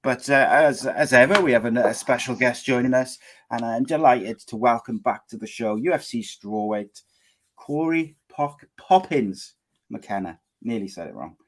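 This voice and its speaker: A live podcast host speaks at a normal speed in an animated, medium-pitched voice. Chatty and easygoing, he leans on fillers and restarts while introducing guests and steering the show.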